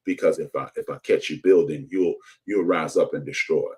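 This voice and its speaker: Deep-voiced man preaching social commentary. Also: fairly even intonation, moderate pace, a little mellow, rough recording. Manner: preachy, repetitive rhetorical emphasis with frequent restarts. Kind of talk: impassioned commentary monologue.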